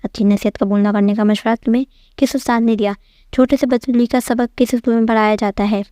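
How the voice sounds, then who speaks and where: A woman's voice: on the high side, fairly even intonation, dark tone, no room sound, studio quality, close to an everyday voice. A woman voicing a bearded old male dwarf sage who lectures and scolds in proverbs, read as part of a storybook tale. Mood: lecturing. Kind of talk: storytelling narration.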